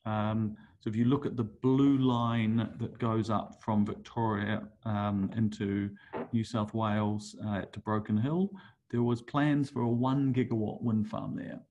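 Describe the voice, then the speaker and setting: Highs are cut off in this recording of a middle-aged New Zealand conference speaker presenting a webinar over slides. He has a lowish, darkish voice with a steady tone and measured pace, yet he hesitates with frequent fillers and restarts.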